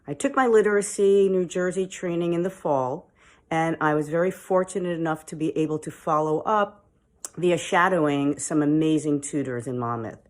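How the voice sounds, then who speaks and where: Low-voiced, eager woman tutor. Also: normal speed. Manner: upbeat, eager, talkative. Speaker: volunteer literacy tutor. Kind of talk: recorded video message.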